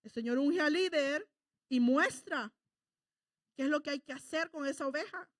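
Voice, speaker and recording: A woman's voice: high-pitched, normal speed, no room sound, clean studio sound. A woman preacher giving a sermon, telling stories and acting out her conversations with God and the devil, often asking the congregation for agreement. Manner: storytelling, acts out dialogue with God and the devil.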